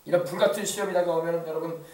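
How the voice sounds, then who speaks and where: High-voiced fast-preaching pastor. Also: male voice, fairly even intonation, darkish tone. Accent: Korean, Yeosu area. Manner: rousing call-and-response preaching. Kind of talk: sermon. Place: church sanctuary. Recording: echoey church from far off.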